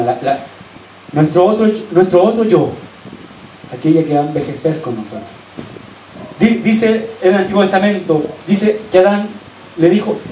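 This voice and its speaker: A man with a Chilean accent preaching a sermon as pastor, earnestly urging his listeners, then dropping to soft, low asides. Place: church hall. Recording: echoey church hall, distant mic, faint hiss.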